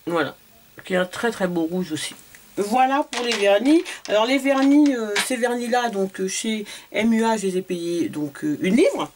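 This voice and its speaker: A woman's voice: medium pitch, normal speed, darkish tone, a little hiss or hum. A woman from France, a beauty vlogger, chatting casually through a shopping haul video, hesitant with many fillers and repeated words.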